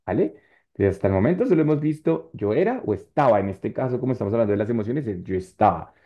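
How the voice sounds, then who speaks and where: A man's voice: mid-range voice, sing-song, fast, muffled recording. A man teaching an English class online in Spanish, patient and encouraging as he explains and corrects students.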